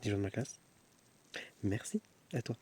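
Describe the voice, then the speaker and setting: A man's voice: fairly low pitch, very animated, moderate pace, dark tone, slightly rough. A young man filming a casual vlog at home on his phone, rambling and mocking himself, often restarting and repeating words. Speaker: vlogger. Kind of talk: casual self-filmed vlog. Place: at home at night.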